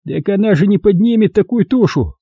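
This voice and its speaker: A man voicing a crude, hot-headed male partner who talks rough and blunt in an audiobook. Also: sits high, animated, brisk, no room sound, highs cut off, pitched above the performer's own voice, full character voice. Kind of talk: audiobook reading.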